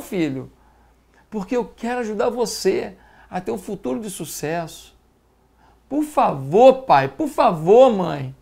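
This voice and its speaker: A man's voice: sits high, gravelly, darkish tone. A man with a Brazilian accent, a pastor giving an earnest broadcast sermon, emphatic and fatherly, repeating words for stress. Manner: fatherly exhortation.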